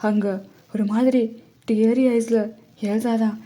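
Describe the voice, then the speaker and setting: Slow, mellow woman storyteller. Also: on the high side, flat delivery. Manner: conversational, unhurried. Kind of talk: casual story narration. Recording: faint music underneath.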